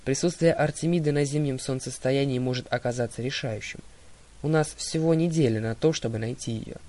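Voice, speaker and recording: A calm, wise old centaur teacher laying out plans in measured, polite sentences, as a man narrates him. There is little change from the reader's own even voice. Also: mid-range voice, lightly acted.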